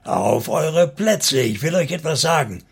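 A man voicing a firm male army commander who speaks in a slow, deliberate way. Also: medium pitch, gravelly, a bit bright, husky, full character voice. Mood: commanding.

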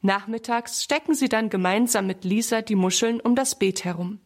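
Woman storyteller, mid pitch, clear even read-aloud for kids. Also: moderate pace.

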